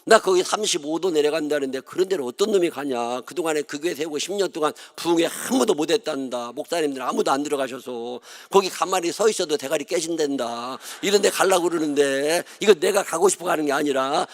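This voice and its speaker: A man's voice: a little high, fast talker, hardly any pauses. A middle-aged man from Chungcheong province, speaking with a Chungcheong Korean accent, preaching a revival sermon as a pastor in folksy, joking storytelling. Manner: folksy, joking, mutters and mimics others. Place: church sanctuary.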